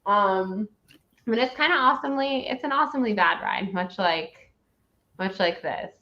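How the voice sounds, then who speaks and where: A woman's voice: medium pitch, expressive, normal speed, bright, forceful tone. A woman rambling emphatically and with opinions in a casual, ranting film review chat, as a host. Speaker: host of a movie review show. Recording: dull lo-fi recording.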